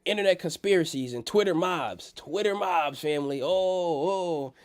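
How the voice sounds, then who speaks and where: A man's voice: on the high side, moderate pace. Congested, nasal-sounding man livestreaming. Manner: slangy, repeats phrases for emphasis. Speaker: livestream host. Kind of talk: casual livestream stock market commentary.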